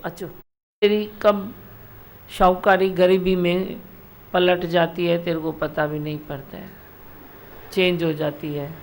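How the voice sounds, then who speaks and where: Gravelly-voiced woman preaching satsang. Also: fairly low pitch, slight background noise. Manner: repetitive exhorting, direct address. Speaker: spiritual teacher. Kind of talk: devotional satsang discourse. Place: satsang hall.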